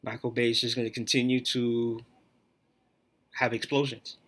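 A man's voice: medium pitch, flat delivery, normal speed, fairly bright tone, husky. A man hosting his own podcast, talking alone in a blunt, profane, opinionated rant. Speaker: podcast host.

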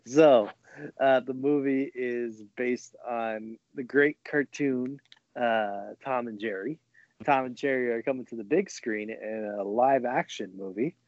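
A laid-back man chats on a podcast, often pausing on fillers. His voice sits at an ordinary pitch. The recording is dull and dry. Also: a little mellow, no room sound. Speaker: podcast co-host. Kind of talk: casual chat.

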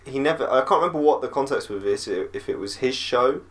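Casting: mid-pitched male guest, halting and casual, stumbles and restarts. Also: lively intonation. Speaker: podcast guest. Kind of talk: casual chat.

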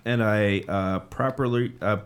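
A drummer in a band, a Southern California man in his late twenties, chats casually in an interview. His voice is on the low side, clear and resonant, a little slow, and he rambles with plenty of fillers and restarts.

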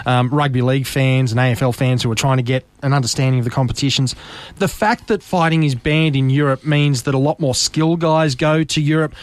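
A man's voice: medium pitch, fairly even intonation, brisk, no echo. An Australian man hosting a conversational sports interview, asking long, wordy questions. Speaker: sports show host.

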